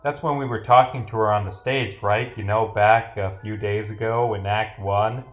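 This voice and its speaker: This streamer and game developer speaks in a fairly low, fairly even voice at a moderate pace. He playtests a game on a livestream, reading its text aloud in rambling, casual commentary and breaking off often for dry jokes, with game music behind him.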